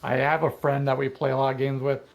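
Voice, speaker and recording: A talkative man walks through a game's mechanics in a relaxed voice-chat conversation. He explains things step by step, chatty and easygoing, at an ordinary middle pitch. Faint music plays underneath. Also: fast talker, vocal fry. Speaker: guest co-player on a livestream. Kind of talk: casual gaming chat.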